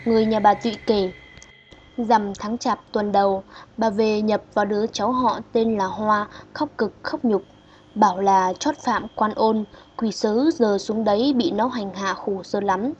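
A woman narrating a folk horror story in a steady storytelling voice, in a dull lo-fi recording. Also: mid-range voice, unhurried. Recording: dull lo-fi audio with faint hiss.

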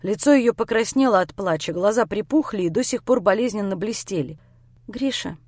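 A woman reading a first-person story aloud as an audiobook narrator, with expressive storytelling. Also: mid-range voice, a little fast, no room sound.

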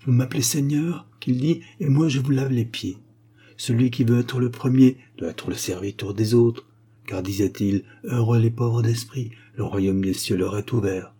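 A man voicing a kindly, devout old shoemaker who speaks gently and earnestly. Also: medium pitch, moderate pace, slightly rough, close to an everyday voice.

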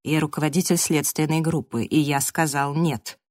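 A woman voicing a stern male lead investigator who speaks curtly in a deliberately even tone in an audiobook. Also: low-pitched, dry recording, studio quality, natural voice.

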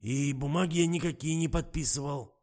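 A man's voice: a little high, brisk, darkish tone, pitched above the performer's own voice, natural voice. A man voicing a grumbling, slangy middle-aged male driver in an audiobook, rambling and full of fillers. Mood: defensive. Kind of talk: audiobook character voice.

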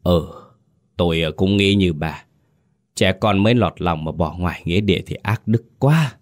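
A man's voice: low-pitched, moderate pace, natural voice. A man voicing an older male village healer, grave and sorrowful, in a spoken ghost story. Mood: thoughtful.

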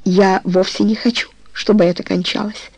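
A woman's voice: mid-range voice, little pitch movement, normal speed, darkish tone, no room sound, natural voice, rough recording. A woman voicing a young woman in love in a storybook reading, pleading and tender. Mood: anxious.

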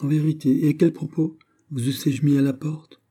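A man voicing a proud, coquettish young lady-in-waiting in an audiobook, haughty and sharp-tongued. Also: fairly high pitch, little pitch movement, moderate pace, pitched above the performer's own voice, lightly acted. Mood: indignant.

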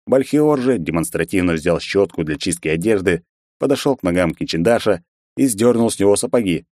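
A man reading an audiobook in a steady, even storytelling manner on a close studio mic. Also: deep voice, brisk, no room sound. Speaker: audiobook narrator. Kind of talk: scripted narration.

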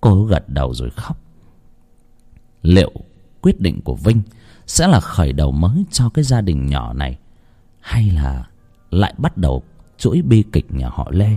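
Expressive male ghost-story narrator. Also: normal speed, pauses often. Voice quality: expressive, varied in pitch. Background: faint music.

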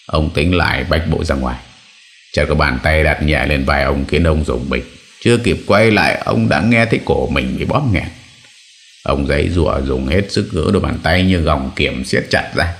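Brief: male narrator for a spooky audio story, very low voice, steady and dramatic. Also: normal speed, gravelly. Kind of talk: scripted horror story narration.

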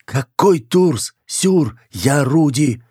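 A man's voice: fairly low pitch, moderate pace, dark tone, slightly rough. A man reading an audiobook, voicing a panicked young woman stuck in a man's body, tearful, pleading and close to hysteria. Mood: panicky pleading.

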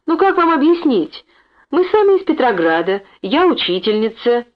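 A woman's voice: high voice, big pitch swings, normal speed, voice pushed up. A woman voicing a polite woman teacher and mother who pleads in a raised voice, in a dull lo-fi recording. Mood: pleading.

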